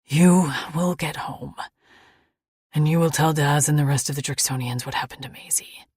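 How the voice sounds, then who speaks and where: A woman's voice: low voice, moderate pace, darkish tone, husky, no room sound, clean studio sound. A woman voicing a stern, blunt male alien warrior who speaks in clipped, formal sentences. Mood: gruff, protective. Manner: clipped, formal speech without contractions.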